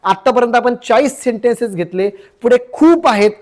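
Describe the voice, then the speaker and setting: This young man's voice is very high and expressive. He leads a casual Marathi lesson on everyday English phrases, repeating every phrase and pronouncing the English slowly and drawn out.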